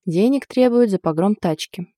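A woman voicing a weary, glum young woman in an audiobook, with a flat, sighing delivery. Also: medium pitch, moderate pace, no echo, clean studio sound, lightly acted.

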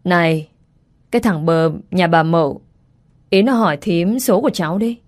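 A woman's voice: on the low side, moderate pace, lightly acted. Woman doing a gossipy village aunt. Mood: prodding. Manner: chatty, prodding.

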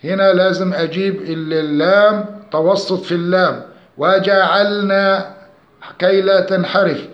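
A man leads a lesson on recitation rules. He stretches each verse into a slow chant, then rattles off the explanation quickly. The sound is roomy and a bit dull and lo-fi. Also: high-pitched, fairly even intonation. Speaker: Quran recitation teacher.

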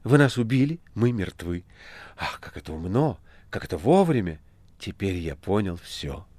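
A man's voice: on the low side, very animated, normal speed, a little mellow, no echo. A man reading the part of a weary, troubled male writer in an audiobook, his speech bitter and resigned. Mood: agitated.

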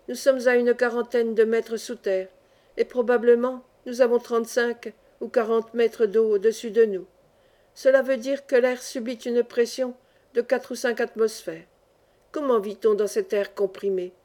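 Woman voicing a patient old schoolmaster, audiobook, mellow tone, higher voice, steady explaining. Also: close to an everyday voice. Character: wise old male mine schoolmaster, calm.

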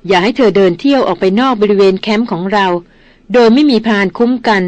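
A woman's voice: medium pitch, fast talker, darkish tone, no echo, natural voice. Woman reading as a stern veteran jungle hunter. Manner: curt and commanding. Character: stern grown man, a seasoned jungle hunter.

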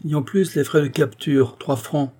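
A man's voice: a little high, fairly even intonation, moderate pace, darkish tone, pitched above the performer's own voice, lightly acted. A man reading an impassive gendarme sergeant in an audiobook, formal and matter-of-fact.

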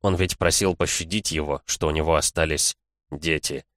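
A man narrating a first-person audiobook in a measured storytelling manner. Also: a bass voice, fairly even intonation, fairly bright tone, no room sound, studio quality.

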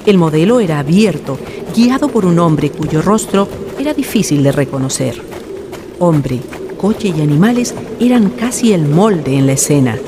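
A narrator reads a scripted radio drama in a solemn, literary storytelling style, using an expressive mid-range voice at a moderate pace. The recording carries noisy ambient sound.

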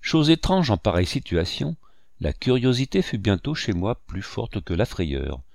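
A man reads a classic adventure novel aloud in a measured first-person storytelling voice. His voice sits on the lower side. The recording is close and dry, with no room echo. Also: big pitch swings, vocal fry, darkish tone. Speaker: audiobook narrator. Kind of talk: scripted narration.

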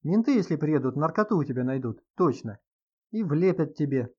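A man reading an audiobook, voicing a middle-aged male business owner who talks calmly and patronizingly, with quiet threats. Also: on the high side, normal speed, slightly rough, highs cut off. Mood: menacing.

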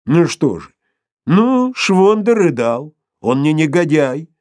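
A man voicing a crude, surly young man who was once a dog, with a shrill, yelping way of talking. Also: very animated, slow pace, a little mellow, dry recording, clean studio sound. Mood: defiant.

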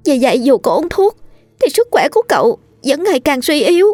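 A woman's voice: sits high, very animated, brisk, darkish tone, no room sound, faint music behind, pitched above the performer's own voice. A woman voicing a terrified young female servant who stammers through a confession in a storytelling reading. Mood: frightened. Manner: stammering, trembling.

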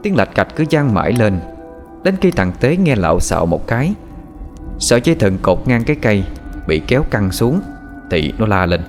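A man narrating a scripted horror story in an expressive, suspenseful way. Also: lowish voice, moderate pace. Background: faint music.

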